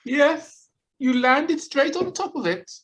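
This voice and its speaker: A woman's voice: high-pitched, expressive, slow pace. A woman playing a long-suffering, grumbling male owl in an audio play, dry and exasperated in manner. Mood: dry, resigned. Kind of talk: community audio play of children's classic. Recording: home video-call recording.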